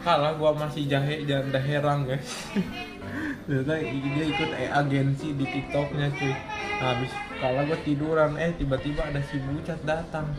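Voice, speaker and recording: Young male vlogger, teasing, stumbles over words, bit high voice, music under it. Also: moderate pace. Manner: laughing, teasing, stammers when excited. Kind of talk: casual vlog chat to viewers.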